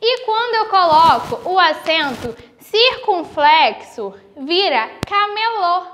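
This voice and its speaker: High-voiced Brazilian teacher, slow and clear. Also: female voice, expressive, a bit bright. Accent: Brazilian Portuguese. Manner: slow, explanatory, stretches example words. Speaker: primary school teacher. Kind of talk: recorded video lesson for young children.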